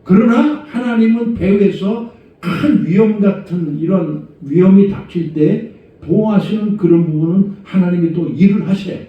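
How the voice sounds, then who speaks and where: A middle-aged man preaching a conversational sermon as senior pastor, asking rhetorical questions and moving between low murmurs and raised exhortation. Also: normal speed. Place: church sanctuary. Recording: echoey church hall, far from mic, dull sound.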